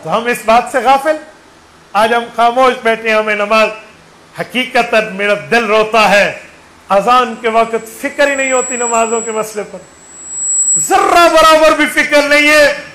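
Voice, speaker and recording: A man's voice: extremely high pitch, steady tone, a little slow, sharp tone, a little hiss or hum, poor audio. A man preaching a sermon, asking his listeners rhetorical questions and counting aloud with them. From Saraiki-speaking region of Pakistan.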